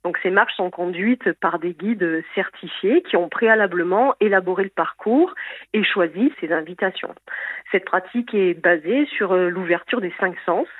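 A woman forest guide speaks as a radio interview guest, measured and often restarting her phrases. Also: on the low side, dry recording. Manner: measured, with frequent fillers and restarts. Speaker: certified forest bathing guide. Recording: phone-like dry radio line.

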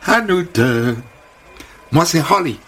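A woman's voice: low voice, animated, slow pace, fairly bright tone, husky, soft background music, pitched above the performer's own voice, exaggerated voice. A man voicing a bubbly, chatty American woman hairdresser with squealing exclamations. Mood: gushing.

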